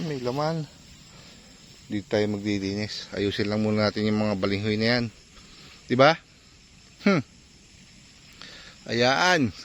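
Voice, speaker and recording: A man casually narrating to viewers while clearing cassava plants on his farm, often asking them "right?" and sometimes out of breath. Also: on the low side, slight background noise. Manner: chatty, talks to viewers while working, often asks "di ba?". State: out of breath at times. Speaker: farm vlogger. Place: outdoors on a farm field.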